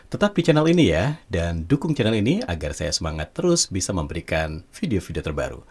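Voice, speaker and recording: A man hosting a channel, giving gentle, slow closing remarks to viewers. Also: sits low, sing-song, husky. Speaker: channel host.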